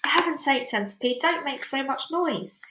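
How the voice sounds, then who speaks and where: A cautious young boy from a children's storybook, read by a woman. He speaks in a hushed but urgent way. The voice rings in an echoey room. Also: sits high, animated, moderate pace, pitched above the performer's own voice. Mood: urgent excitement.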